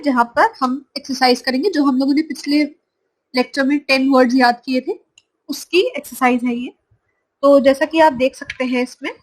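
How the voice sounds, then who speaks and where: High-voiced woman teaching vocabulary. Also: poor audio. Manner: slow, drawn-out pronunciation of each word, repeated. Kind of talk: slide-based vocabulary lesson.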